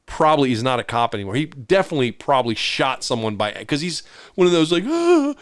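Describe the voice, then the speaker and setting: A man's voice: medium pitch, expressive, quick pace, no echo, clean studio sound. A middle-aged man co-hosting a podcast, telling a story in casual chat and acting out the voices of the people in it. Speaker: podcast co-host.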